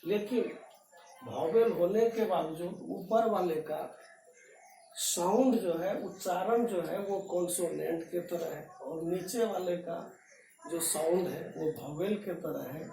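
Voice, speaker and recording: Speaking slowly in a high-pitched, creaky, dark voice, an English tutor goes over grammar at a board. He's patient, repeats points, and poses rhetorical questions to students; the recording is echoey and distant, with slight background noise.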